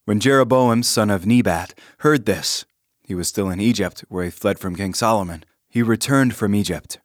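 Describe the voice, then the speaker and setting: A man giving a calm, measured scripted reading of scripture and a short devotional with prayer. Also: lowish voice, no room sound, studio quality. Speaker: devotional reader.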